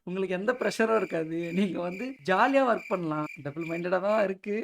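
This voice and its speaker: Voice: medium pitch, a little fast, creaky. A reaction video host making casual, teasing comments between clips. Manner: chatty, teasing, amused asides. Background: loud background music.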